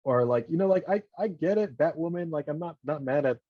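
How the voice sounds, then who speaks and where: A man in casual podcast chat, talking in an animated, rambling way with many restarts. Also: a little high, a little fast, no echo. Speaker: podcast co-host. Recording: dull lo-fi dry sound.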